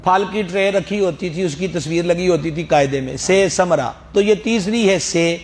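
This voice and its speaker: Male religious teacher, high voice; slow chanted letter drills, teasing asides. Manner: friendly teasing asides to students. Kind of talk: Quran recitation lesson.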